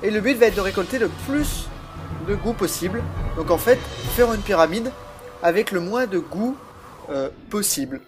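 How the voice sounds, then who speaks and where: A man's voice: sits high, expressive, normal speed, over music. Man with a slightly altered voice. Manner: chatty, explains while playing, frequent hesitations. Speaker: let's play host. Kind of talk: casual gameplay commentary. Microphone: laptop built-in microphone.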